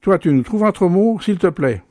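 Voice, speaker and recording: A man's voice: high voice, lively intonation, moderate pace, mellow, no echo, studio quality. A man playing a sarcastic, bossy middle-aged father in a comedy sketch monologue, teasing and talking down to his family. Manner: teasing, condescending, bickering. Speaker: father keeping score.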